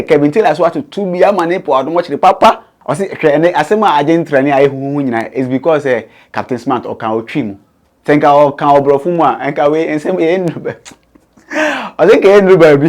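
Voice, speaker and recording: A man, telling an animated story full of quoted exchanges. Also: fairly high pitch.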